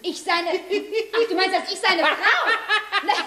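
A tipsy young wife in a stage farce, agitated and scolding. Her voice sits very high. It echoes from far off across a noisy, roomy stage. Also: a little slow. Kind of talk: stage comedy performance.

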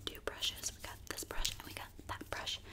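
A woman whispering as an ASMR host, repeating words and short phrases over and over. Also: normal speed.

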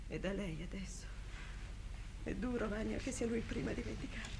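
A woman's voice: mid-range voice, fairly quick, close to an everyday voice. An actress playing a desperate, lovesick young woman in a 1950s television drama, emotional and pleading. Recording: hissy old 1950s TV recording.

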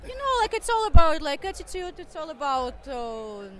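A young woman with a Russian accent, a guest in a casual street interview, speaking halting English full of fillers. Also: high-pitched, big pitch swings. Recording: loud crowd noise outdoors. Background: busy crowd.

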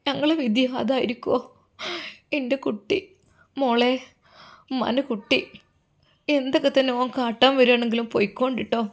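A woman voicing a grieving elderly mother who speaks softly and tearfully, with a Malabar Malayalam accent. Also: high-pitched. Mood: sorrowful. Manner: soft, tearful and pleading.

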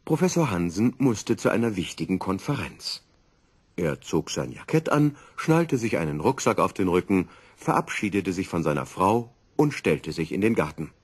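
A man reading a children's story aloud with slow, gentle storytelling. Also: low voice, big pitch swings, husky. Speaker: narrator.

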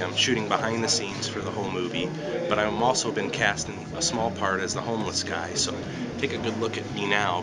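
A lowish-voiced man in his forties films a behind-the-scenes vlog on a movie set in a bowling alley, holding the camera at arm's length. He narrates in a chatty, upbeat way and keeps calling things "pretty cool."

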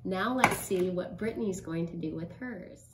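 A woman's voice: on the low side, moderate pace. A woman hosting a children's craft demonstration like a kids show host, asking young viewers simple, encouraging questions. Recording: roomy echo, faint noise.

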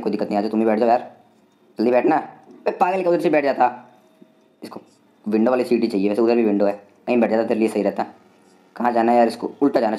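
A man with an Indian accent giving excitable, chatty commentary while playing a driving game, talking to the game and to viewers. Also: medium pitch. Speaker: gaming channel host.

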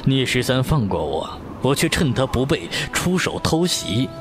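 This wuxia audio drama features a male actor as a seasoned, urbane martial-arts master in middle age, with music behind him. His medium-pitched voice is very animated, while his speech stays measured, avuncular, and theatrical in a reflective mood.

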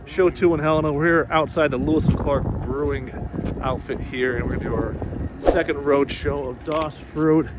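A man shouting hyped to a handheld phone outdoors in a parking lot before a comedy show. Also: fairly high pitch, steady tone, normal speed. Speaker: comedy troupe member. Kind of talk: vlog intro. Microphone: phone at arm's length.

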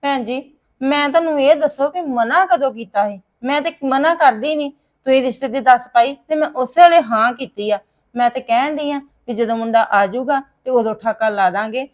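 A woman's voice: high voice, normal speed, lo-fi sound. A woman acting an indignant mother in a family drama. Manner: indignant, protesting. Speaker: actor in a family skit. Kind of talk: scripted Punjabi family drama.

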